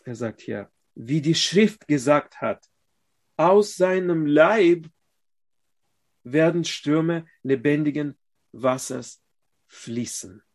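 Slow, halting male preacher. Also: medium pitch. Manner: slow, halting delivery with pauses, rising loud when reading scripture aloud. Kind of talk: sermon.

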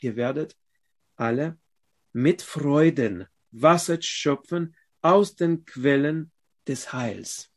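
Slow, halting male preacher. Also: mid-range voice. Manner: slow, halting delivery with pauses, rising loud when reading scripture aloud. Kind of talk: sermon.

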